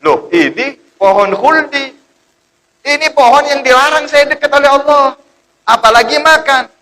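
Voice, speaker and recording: A man's voice: high-pitched, fairly quick, bright, forceful tone, voice pushed up, poor audio. A man voicing the devout first man, earnest and firm in refusing. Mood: alarmed.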